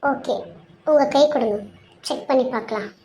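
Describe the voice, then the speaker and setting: A woman's voice: high voice, normal speed, warm tone, slight background noise. A woman voicing a stern, principled female doctor in a cartoon serial, lecturing her patients firmly. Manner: firm, lecturing.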